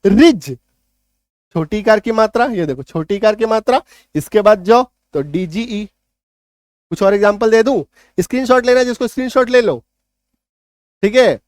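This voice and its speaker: A man teaching an online spelling lesson in English, emphatic, slowly drawing out example words and checking often that students follow. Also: sits high, no echo, clean studio sound. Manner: emphatic, repeats key points with rhetorical checks.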